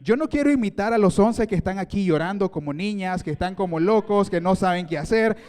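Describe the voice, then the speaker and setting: Man voicing bold disciple Peter, earnest and pleading, high voice, echoing church hall, sermon retelling. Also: expressive, a little fast, a little mellow.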